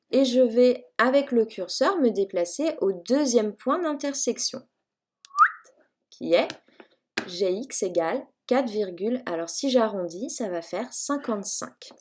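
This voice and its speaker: A woman's voice: medium pitch, darkish tone. A woman teacher walking students through a calculator math lesson, chatty and self-mocking, with frequent fillers as she explains each step.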